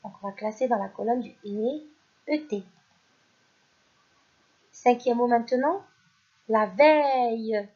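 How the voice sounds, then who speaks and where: A woman teaching a primary school phonics lesson, who reads each word out loud twice and praises the children. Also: on the high side, husky, muffled recording. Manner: slow and deliberate, repeats each word and stresses it louder; addresses pupils directly, praising them. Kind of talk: recorded French phonics lesson.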